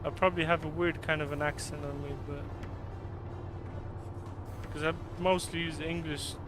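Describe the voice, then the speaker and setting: A fairly high-voiced man from Canada, with Polish as his first language, doing easygoing live commentary while he plays, with loud music playing behind him. His tone stays quite level as he chats and calls his viewers "mate". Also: little pitch movement, moderate pace. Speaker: live streamer. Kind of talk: casual live gameplay commentary.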